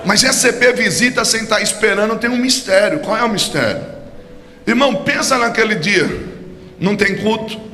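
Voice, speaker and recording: A man with a Brazilian Portuguese accent preaching a sermon as pastor, fervent, building to shouts. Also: sits high, moderate pace, background noise. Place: church service. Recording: echoey church hall with music.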